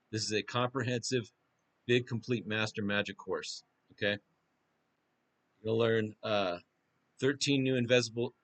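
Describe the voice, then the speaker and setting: A man presenting his own course as an instructor, informally running through a long list in a halting, repetitive way. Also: lowish voice, a bit bright. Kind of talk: informal product pitch, reading through a list.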